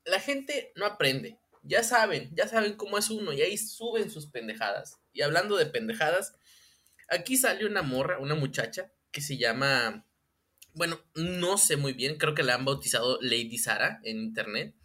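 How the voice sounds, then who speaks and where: A man's voice: fairly high pitch, normal speed. A man with a Mexican accent co-hosting a casual comedy chat, swearing and laughing often. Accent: Mexican Spanish. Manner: animated, profane, laughing often. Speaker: podcast co-host.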